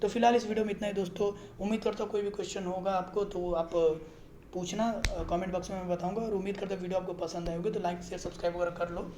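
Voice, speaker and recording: With flat delivery and a fast pace, a man with a high, darkish voice hosts an informal screen-recorded walkthrough of a trading app. He stays chatty and keeps making sure viewers follow, and the audio is reverberant with slight background noise.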